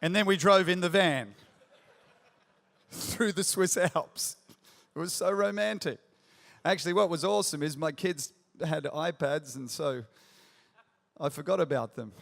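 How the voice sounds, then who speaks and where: A pastor in his forties preaches a sermon to a large church crowd in a high, bright voice that is also gravelly, a little slow, and marked by long pauses. He tells his story with self-mocking humor and builds to punchy questions, while a long hall reverb rings out.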